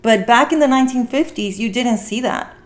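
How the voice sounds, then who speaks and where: Her voice is a little high and her pace fairly quick. In this relaxed podcast about a film, the female host comes across as sincere and supportive, echoing phrases for emphasis.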